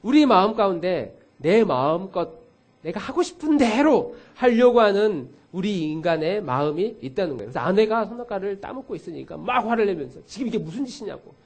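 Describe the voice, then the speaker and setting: In a church sanctuary, a middle-aged male pastor preaches a sermon in a high, brisk voice. He tells animated stories with acted-out quotes and speaks directly to his congregation.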